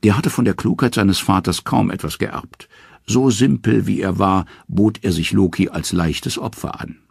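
A man narrating a myth as an audiobook in an expressive, dramatic storytelling manner. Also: low-pitched, normal speed, vocal fry, breathy edge, no echo, clean studio sound.

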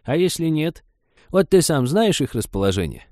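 A nosy old village woman barks orders and waves off every objection with scorn, as a man puts her on. The voice sits high and loud above a low, mellow reader's tone. It is a dry, close audiobook recording. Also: big pitch swings, normal speed, no echo. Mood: bossy. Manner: pushy, scornful.

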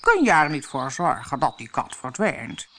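A woman's voice: low-pitched, very animated, pushed and bright, a little hiss or hum, full character voice. Woman voicing a grumbling King of Hearts. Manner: slow and disapproving.

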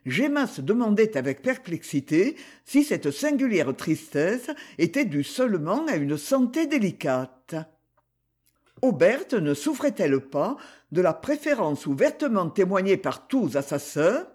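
A man narrating a novel aloud as an audiobook reader, in a measured, expressive way. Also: high-pitched, slightly rough. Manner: slow, expressive reading.

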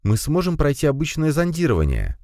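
A man voicing a brisk, decisive woman. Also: a little high, wildly swooping pitch, darkish tone, dry recording, clean studio sound, pitched above the performer's own voice.

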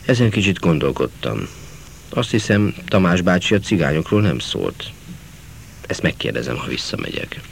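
A man narrating a literary novel in a measured, earnest reading. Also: low voice, big pitch swings, vocal fry, a little hiss or hum. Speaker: audiobook narrator.

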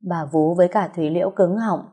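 A woman with a Southern Vietnamese accent narrating a first-person audio story in a lively, dramatic way. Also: on the low side, a little fast, breathy edge.

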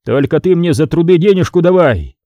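A man's voice: fairly high pitch, animated, brisk, mellow, no room sound, voice pushed up. A man voicing a harsh, greedy medieval tax scribe who talks down sternly and threateningly.

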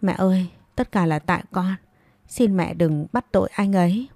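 A woman's voice: lowish voice, no echo, faint music behind. Woman voicing a frightened pleading young daughter. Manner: soft, slow, tearful pleading.

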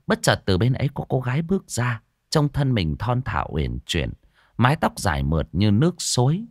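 Expressive male storyteller, lively pitch. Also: normal speed, no room sound, studio quality. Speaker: audiobook narrator. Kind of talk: storytelling narration.

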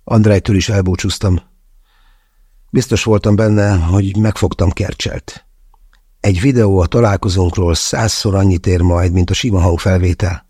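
A man's voice: low-pitched, fairly even intonation, mellow, breathy edge, dry recording. A man reading a first-person novel aloud, wry and confessional, close to the mic. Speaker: audiobook narrator. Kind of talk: first-person audiobook narration.

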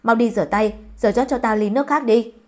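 A woman voicing a harsh, bad-tempered old mistress who scolds her servant in fast, shrill bursts. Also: lightly acted. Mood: irritable.

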